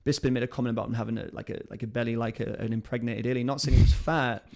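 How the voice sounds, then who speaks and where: A man's voice: mid-range voice, fairly even intonation, racing, creaky, darkish tone. A man hosting a live-stream chat, rambling and enthusiastic as he talks. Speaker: show host.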